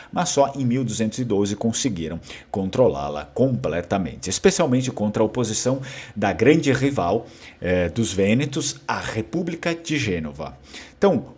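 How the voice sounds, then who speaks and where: A man's voice: medium pitch, darkish tone, slightly rough. A man with a Brazilian Portuguese accent, explaining a linguistics article in an informal, conversational lecture and checking in with listeners often. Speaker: educator presenting a linguistics article.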